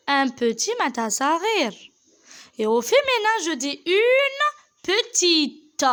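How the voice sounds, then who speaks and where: A woman's voice: high voice, fairly bright tone. A woman teaching children French, patient and repeating each point, switching between French and Arabic. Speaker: primary school French teacher. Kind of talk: children's French lesson explained in Algerian Arabic.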